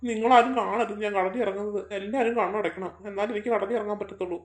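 A woman playing a shy, hungry hybrid creature of cat and fish that begs to be let into the sea. The voice is drawn down deep and slow and sounds pleading. The pace stays quick overall. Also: steady tone, natural voice. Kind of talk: family comedy skit acting.

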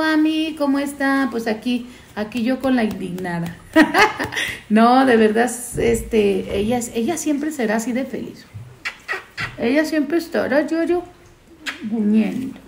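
A woman's voice: on the high side, gravelly, darkish tone. A woman, chatting casually to fans on her phone at home, rambling and talking to her dog between news. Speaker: fan news vlogger. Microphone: phone camera. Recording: echoey room, faint noise.

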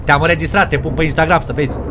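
A young man streaming a game role-play, loud and crude, trading threats in character. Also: a little high, steady tone, background noise.

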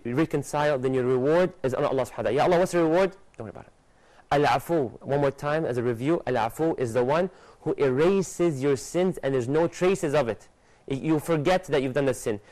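In a studio setting, a young man of medium pitch delivers a religious TV lesson to guests, reciting Arabic verses fast and gesturing with animation. A lapel mic picks him up, though the recording is rough.

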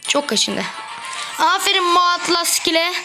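High-voiced woman doing gameplay commentary. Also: lively intonation. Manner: chatty, quick to get exasperated with teammates. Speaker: gaming video creator. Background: background music.

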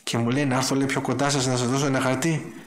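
Animated man preaching a sermon. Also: mid-range voice, slight background noise. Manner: animated storytelling, acting out dialogue in a raised voice.

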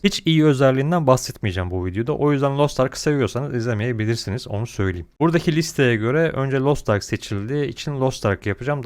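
Man, smooth clear voice, medium pitch, gaming commentary, blunt, grumbling, slangy. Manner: blunt, complaining, uses slang and mild swearing. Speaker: gaming video creator.

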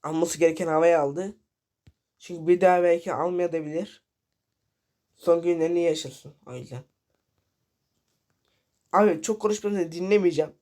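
A man's voice: a little high, normal speed, long pauses, a little mellow. A man giving casual commentary over a horror game, reading and translating the characters' lines aloud and swearing freely. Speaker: gaming channel host.

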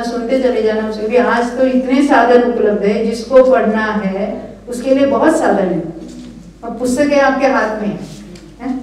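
A woman's voice: high-pitched, dark tone, a little hiss or hum. An older woman giving an earnest, encouraging lecture at a religious study camp, often checking in with her listeners. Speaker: scripture teacher. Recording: echoey hall, voice from far off the mic.

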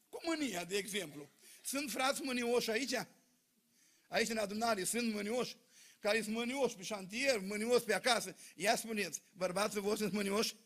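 A man preaching a sermon in church, telling folksy stories to his congregation with lively energy. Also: extremely high pitch. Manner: folksy, animated storytelling to a congregation.

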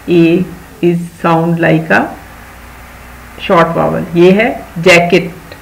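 A teacher from Pakistan with a Pakistani accent, giving a recorded video lesson to young children and repeating key words. The teacher reads English sentences slowly and deliberately and adds gentle moral advice for the children. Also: medium pitch, vocal fry, poor audio. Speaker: primary school English teacher.

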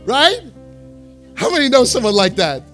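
High-voiced, emphatic preaching pastor. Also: male voice, big pitch swings, moderate pace, faint music behind. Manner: emphatic preaching that swings from quiet asides to loud exhortation; repeats phrases for emphasis. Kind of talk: sermon. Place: church sanctuary.

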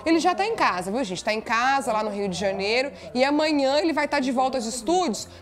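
A woman's voice: high voice, animated, quick pace, music in the background. A woman in her thirties from Minas Gerais, chatty and exclamatory, presenting a gossip segment in a TV studio. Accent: Brazilian Portuguese, Minas Gerais. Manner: chatty, exclamatory, addresses viewers as "gente". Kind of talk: lively TV studio chat.

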